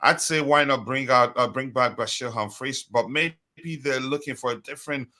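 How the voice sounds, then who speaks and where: A man hosting a casual live football fan stream in a halting, repetitive way, his voice slightly strained as if he is losing it. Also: mid-range voice, sharp tone.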